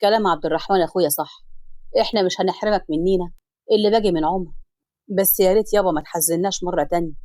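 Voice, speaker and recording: A woman voicing a grown son, speaking in a measured, firm way. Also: fairly low pitch, darkish tone, dry recording, clean studio sound, pitched below the performer's own voice, close to an everyday voice. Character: grown son, blunt and steady.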